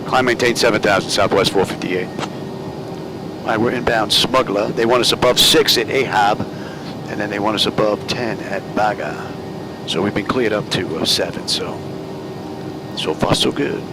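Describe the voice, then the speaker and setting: A man's voice: on the low side, unhurried, pauses often. A man talking casually through a simulated flight as the pilot, half to himself, with clipped radio readbacks. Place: home or fixed-base cockpit simulator. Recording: loud cockpit drone and air-conditioning hum.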